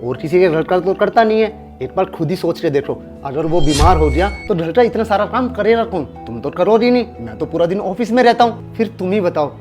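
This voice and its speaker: In a scripted Hindi drama skit, a performer plays a fair-minded, office-going husband who firmly reasons and stands up for the servant. The mid-range, natural voice is expressive, brisk and a little mellow with few pauses, and faint music plays behind.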